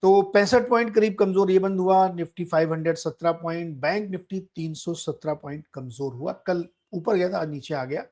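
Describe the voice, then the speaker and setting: A man with a somewhat high voice hosts a stock market show. He gives a daily wrap-up in an easy, conversational way and keeps pointing the viewer to charts and heat maps as he explains. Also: moderate pace, few pauses, darkish tone.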